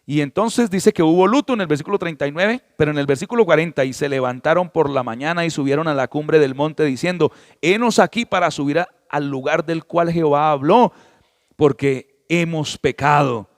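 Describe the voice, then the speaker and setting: A man's voice: fairly high pitch, brisk, no room sound, clean studio sound, long reverb tail. A man preaching a sermon as a pastor, with emphatic rises and exclamations. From Colombia.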